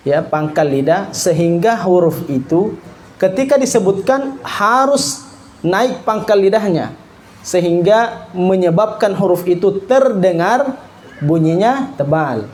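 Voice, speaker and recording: A man teaching Quran recitation rules to children in a classroom lesson, slowly repeating syllables for them to copy. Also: high voice, darkish tone.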